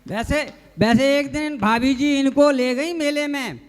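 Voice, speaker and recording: A man's voice: very high voice, unhurried, long reverb tail. A man, the compere of a poetry show, teasing the other poet with a joke.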